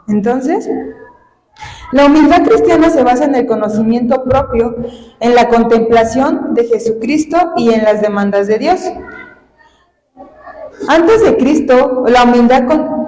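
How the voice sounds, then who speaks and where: A woman with a high voice teaches a church Bible class. She works through her points, repeats them and asks her listeners if they follow. The room rings with a long, echoing reverb. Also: dark tone. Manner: spells out words letter by letter. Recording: echoey hall.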